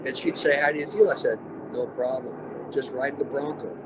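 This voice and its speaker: A man's voice: medium pitch, fairly even intonation, a little fast, very noisy. A man in his sixties, an extreme athlete and interview guest, telling motivational stories in short, punchy, emphatic statements. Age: 60s. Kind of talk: motivational storytelling.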